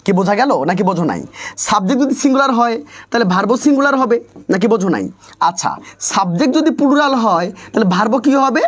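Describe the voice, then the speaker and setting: A man's voice: very high-pitched, animated, fast, a bit bright. A young man teaching English grammar in a live online class, reading out chat comments and repeating himself as he coaxes students and keeps checking they understand. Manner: repetitive, coaxing, constantly checks understanding. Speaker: English tutor.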